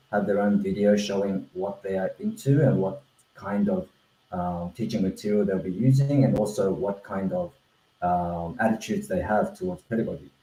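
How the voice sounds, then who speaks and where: A mellow, lowish male voice carries a roomy echo through the video-call audio. The speaker, an Australian whose native language is Korean, is a founder giving a webinar presentation on his language-learning platform. His manner is earnest, broken up by repeated restarts and fillers.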